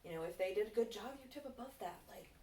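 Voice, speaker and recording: Young woman, loose rambling stoner chat, sweary, echoey room, recorded at a distance. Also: racing. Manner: rambling, relaxed, tipsy-high stoner talk with frequent swearing. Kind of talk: casual chat, Q&A. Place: indoors, on a couch. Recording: echoey room, distant mic, faint noise.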